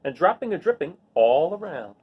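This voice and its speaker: The audio is narrow and tinny, carrying a man's slightly rough voice that runs on the high side at a moderate pace. As a children's read-aloud host, he dramatizes the sound words and talks to his little audience in plain, simple terms between passages.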